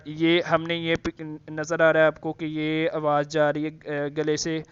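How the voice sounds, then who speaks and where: A man teaching Quran letter pronunciation, explaining slowly with many fillers and repeating the letter sounds to demonstrate. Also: on the high side, completely flat delivery, smooth, highs cut off. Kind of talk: tajweed lesson with demonstrations.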